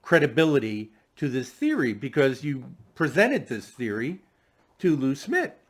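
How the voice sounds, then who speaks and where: A man's voice: mid-range voice, very animated, measured pace. A man hosting a casual interview, who halts and restarts his words at the start of his remarks. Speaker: podcast host.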